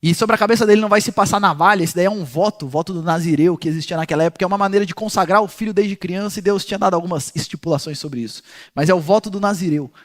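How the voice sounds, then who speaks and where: High-voiced man teaching scripture. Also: rapid-fire. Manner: animated storytelling, acting out the people in the story; speaks directly to listeners as "gente". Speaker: pastor teaching a Bible study. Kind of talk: devotional Bible teaching.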